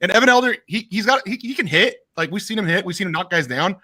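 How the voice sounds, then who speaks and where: A man's voice: sits high, expressive, fast talker, sharp tone. A man calling in to a betting show, telling stories animatedly and swearing freely. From Missouri. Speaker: caller. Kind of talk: casual chat.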